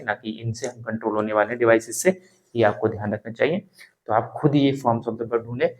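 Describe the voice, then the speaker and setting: A man teaching English through Hindi, patient and methodical. He says the example sentences again and again, slowing down on each word. His voice sits at an ordinary middle pitch. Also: lo-fi sound. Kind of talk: spoken English lesson in Hindi.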